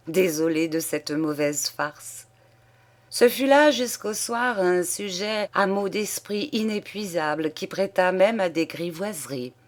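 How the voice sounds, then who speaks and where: A woman narrates a classic story at a calm, measured pace. Her voice sits notably low for a woman and stays even and unhurried. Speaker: reader.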